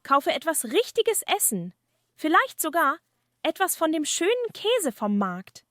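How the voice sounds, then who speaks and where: Woman as a kind young villager, high-pitched, fireside story. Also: big pitch swings, unhurried, a bit bright, no room sound, studio quality, heavily acted. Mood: thoughtful. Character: poor, kind-hearted, modest young village man.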